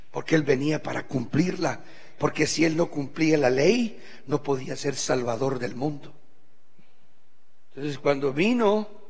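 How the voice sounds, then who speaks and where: A middle-aged man preaching a sermon as pastor, swinging from quiet asides to shouted exhortation and speaking plainly to the congregation. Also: fairly high pitch, gravelly, husky, in a large hall. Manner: colloquial, addresses the congregation as brothers.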